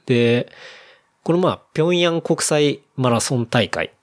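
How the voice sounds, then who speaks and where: A man's voice: mid-range voice, lively intonation, a little slow. A young man casually explaining a news story to a friend, with many fillers. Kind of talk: casual chat.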